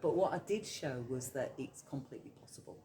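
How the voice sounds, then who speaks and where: Her voice is very deep and a touch fast, and the recording is very noisy. She's a middle-aged Yorkshire hypnotherapist with a local accent, chatting reflectively as an interview guest, full of ums and gentle laughter.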